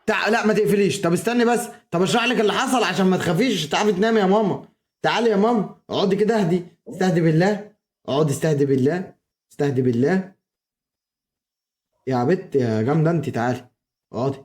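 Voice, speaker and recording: An Egyptian man with a high, rapid voice keeps up goading banter during a live-stream prank. He teases relentlessly and breaks into shouts now and then. The room is echoey, with faint background noise. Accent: Egyptian Arabic. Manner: teasing and goading, sometimes shouting. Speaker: streamer running a prank on a live video call.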